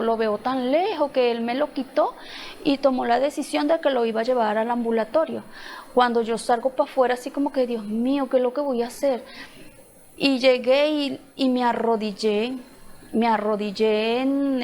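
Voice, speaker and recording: Higher-voiced woman giving testimony. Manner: emotional storytelling, acts out dialogue, halting restarts. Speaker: church member giving testimony. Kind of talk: personal testimony. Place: church.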